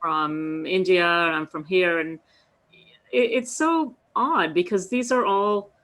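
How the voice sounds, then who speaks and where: A woman's voice: fairly low pitch, slow pace, a bit bright. A woman in a group discussion, talking in a wry, questioning way.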